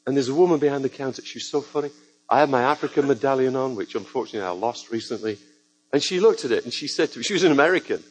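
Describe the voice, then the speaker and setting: A man's voice: mid-range voice, slightly rough, rough recording. A man preaching a sermon to a church congregation, telling stories with joking asides. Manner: lively storytelling with joking asides.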